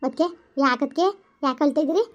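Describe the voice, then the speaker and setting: A woman's voice: sits high, brisk, pitched below the performer's own voice, close to an everyday voice. A woman voicing a young woman who keeps comforting her sister-in-law, with soothing, repeated reassurances. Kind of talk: animated story voice-over. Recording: lo-fi, dull voice-over.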